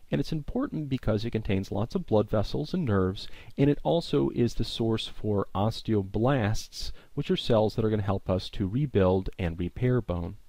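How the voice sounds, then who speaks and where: Low mellow-voiced male lecturer. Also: no echo. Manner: clear explanatory teaching with frequent recaps. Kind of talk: recorded college lecture.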